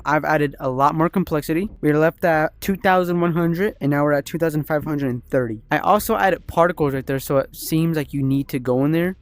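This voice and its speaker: A man's voice: on the high side, clear, resonant tone. A young man casually narrating his progress building a level in a VR game, chatty and rambling, often correcting himself. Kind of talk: casual gaming vlog narration.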